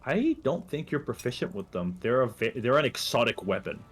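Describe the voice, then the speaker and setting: A man's voice: mid-range voice, big pitch swings, fairly quick, husky. A man recapping and running a tabletop game as game master, explaining the rules patiently.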